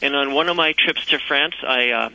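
Bright, enthusiastic man from California. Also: medium pitch, fairly quick, lo-fi sound, a little hiss or hum. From Santa Barbara, California. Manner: chatty, enthusiastic, sprinkles in French words. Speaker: festival guest. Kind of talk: phone-in interview.

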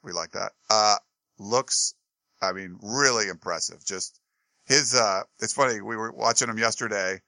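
A man's voice: lowish voice, unhurried, creaky, bright, forceful tone, no room sound. A man co-hosting a sports talk show, chatting casually and rambling with lots of fillers and restarts.

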